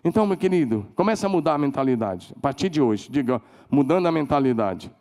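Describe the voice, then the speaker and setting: A man with a Brazilian Portuguese accent preaching a sermon as pastor, emphatic, leading call-and-response and climbing to shouted declarations. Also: on the high side, expressive, brisk. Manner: leads the congregation in call-and-response.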